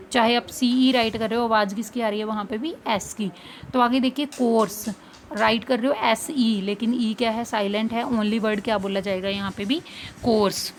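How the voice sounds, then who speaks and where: A woman teaching phonics in a slightly high voice. She keeps asking the class questions and answers each one herself. A faint hiss sits under the recording. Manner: asks the class questions, then answers them. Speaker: English teacher. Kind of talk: explaining phonics step by step.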